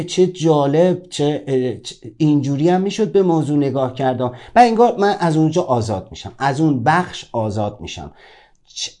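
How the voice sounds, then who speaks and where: A man's voice: medium pitch, dark tone. A man teaching a self-help course, giving an informal motivational talk and speaking directly to his listeners in a conversational way.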